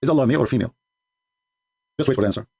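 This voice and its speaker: A man's voice: mid-range voice, racing, creaky, a little mellow, husky. A man whose first language is not English, hosting a livestream and mocking his opponents sarcastically, with frequent laughs and broken English. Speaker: host.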